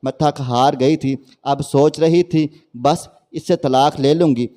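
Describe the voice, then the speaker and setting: A man's voice: a little high, dark tone. A man reading out a woman's sad first-person story as scripted narration.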